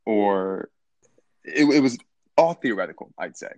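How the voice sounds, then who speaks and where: A young man in his twenties telling a story as a podcast guest, lively and playful, his voice jumping sharply higher whenever he stresses a point. His speaking voice sits on the lower side, and the recording is close and dry. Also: measured pace, no echo. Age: 20s. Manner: animated and playful, jumping into a high voice for emphasis. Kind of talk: casual chat.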